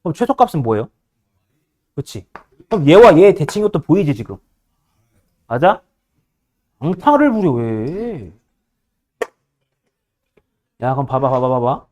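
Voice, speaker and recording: A young male math teacher lectures his class with a bossy, teasing edge, prodding students for answers. His voice sits a little high and swings widely in pitch. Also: sing-song, normal speed, pauses often, a little mellow. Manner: bossy, teasing, constantly checking understanding.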